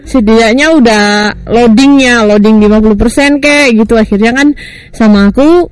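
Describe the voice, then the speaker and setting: A woman's voice: fairly high pitch, moderate pace, clean tone, low-quality recording. A young woman hosting a podcast, chatting casually and laughing often. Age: young adult. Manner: giggly, chatty, frequent laughter. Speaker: podcast host. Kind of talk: casual chat.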